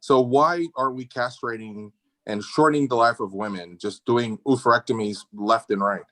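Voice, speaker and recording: This middle-aged Dominican man, a guest endometriosis surgeon, joins a casual medical discussion over a video call. His mid-range voice is fairly bright and moves at normal speed with no echo, and he sounds informal, opinionated and emphatic, tossing in slangy asides.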